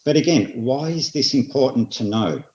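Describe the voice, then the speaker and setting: An Australian man presenting at an industry seminar, speaking in a measured way and hitting repeated phrases with emphasis. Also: medium pitch, animated, warm tone. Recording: roomy, slightly dull audio.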